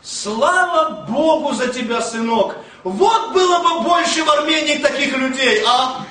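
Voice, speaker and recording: A woman's voice: high voice, expressive, a little slow, roomy sound, recorded from a distance, background noise. A man voicing a grateful old grandmother who blesses a helper, inside a sermon story.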